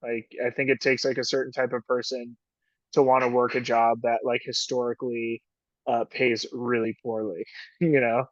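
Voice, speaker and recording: Over dry, dull lo-fi call audio, this man speaks in a mid-range, level voice at a moderate pace. He's a ski patroller and union officer giving a laid-back interview, wandering through his answers with lots of fillers and frequent laughter.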